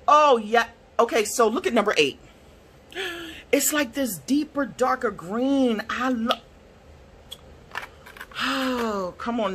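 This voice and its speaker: A woman reviewing art supplies in a casual swatch video, gushing and excitable, gasping and squealing over the colors. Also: medium pitch, slightly rough. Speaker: product reviewer.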